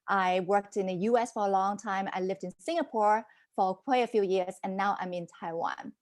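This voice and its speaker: Speaking at a moderate pace in a mid-range voice, this woman in her forties recounts her life on a podcast. She mentors businesspeople, was raised between Hong Kong and Canada, and tells her story in an animated, chatty, casual interview manner.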